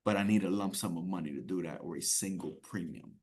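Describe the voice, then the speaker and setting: A man's voice: low voice, fast talker, a little mellow, breathy edge. A man teaching an exam-prep class in a conversational way, often checking in with "right?" and "okay?" and repeating key points. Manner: repeats key points to drive them home. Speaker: instructor.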